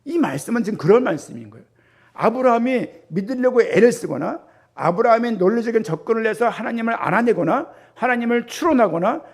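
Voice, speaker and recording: A middle-aged man preaching a sermon as pastor, talking in an animated way and putting rhetorical questions to the congregation. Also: high voice.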